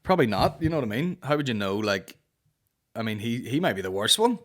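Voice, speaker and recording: A man in his early thirties with a Northern Irish accent speaks quickly in a mid-range, fairly bright, sing-song voice. He hosts a comedy podcast from a small indoor studio, answering listener questions in blunt, sweary, casual comic chat into a close studio mic on a boom arm.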